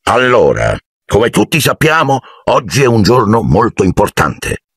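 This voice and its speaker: A man's voice: fairly low pitch, very animated, unhurried, vocal fry, husky, no echo, studio quality, voice pushed up, full character voice. Man doing a pompous blustering uncle. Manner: pompous, sour.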